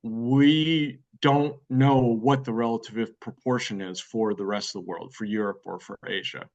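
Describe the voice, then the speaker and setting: Over lo-fi audio, an American guest expert answers interview questions at length in a steady, mid-range voice that runs a little slow. He's thoughtful and hedging, with many fillers and restarts.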